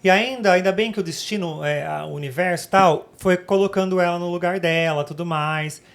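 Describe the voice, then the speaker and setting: Brazilian woman podcast co-host, dramatic retelling, rapid delivery. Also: on the low side. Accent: Brazilian Portuguese. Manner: animated, dramatic retelling, acts out quotes. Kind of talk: casual chat, personal storytelling.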